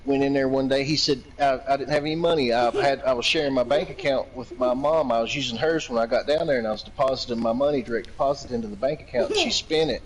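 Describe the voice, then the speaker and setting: A man's voice: medium pitch, fast talker, poor audio. Profane rambling storyteller, man from Virginia. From Virginia, United States. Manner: profane, rambling anecdotes, laughs a lot. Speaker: storyteller in casual chat. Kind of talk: casual chat.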